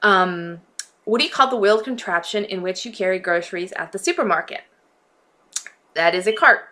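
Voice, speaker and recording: A woman's voice: medium pitch, animated, moderate pace, pushed and bright. A woman with a Northeastern American accent leaning slightly New York and New Jersey, chatting casually and playfully through a list of questions. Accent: US Northeast, slight New York-New Jersey tilt. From United States. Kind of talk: casual question-and-answer reading prompts aloud.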